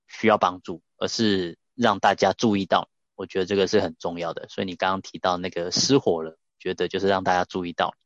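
Male host, thoughtful questioner, deep tone, a bit muffled lo-fi recording. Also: fairly bright tone, no echo. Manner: thoughtful, reflective follow-up questions. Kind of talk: casual interview hosting. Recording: slightly dull lo-fi audio.

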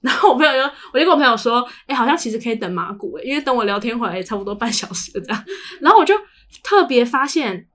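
A woman's voice: a little high, expressive, racing, few pauses, a bit bright. A young woman with a Taiwanese Mandarin accent, chatting casually as a podcast co-host and telling chatty stories with acted-out dialogue. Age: young adult. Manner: chatty storyteller who acts out dialogue. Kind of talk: casual chat.

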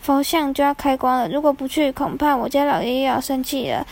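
An insistent male servant politely presses a reluctant guest, played by a woman storyteller. The voice is high and measured, in a storybook reading. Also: fairly even intonation, gravelly, darkish tone.

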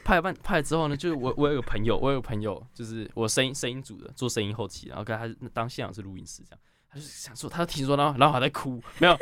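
A young man in his twenties with a Taiwanese Mandarin accent, a guest director telling stories in a halting way, repeating words and laughing as he goes. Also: medium pitch, expressive, fairly bright tone. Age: 20s. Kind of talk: casual podcast storytelling.

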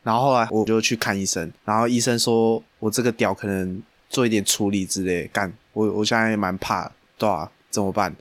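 A man co-hosting a casual podcast chat, laughing often and swinging between hushed and excited delivery. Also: lowish voice, a little fast, hardly any pauses, dry recording. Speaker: podcast co-host.

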